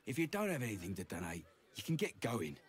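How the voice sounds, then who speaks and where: A man's voice: on the low side, wildly swooping pitch, fast talker, husky, full character voice. A man playing a brusque, grudging donations collector in a fantasy game, impatient in manner.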